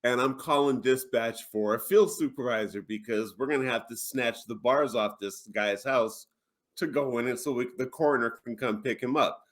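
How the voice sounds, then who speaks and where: A retired police officer in casual chat, telling a story in a relaxed, measured way. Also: male voice, medium pitch.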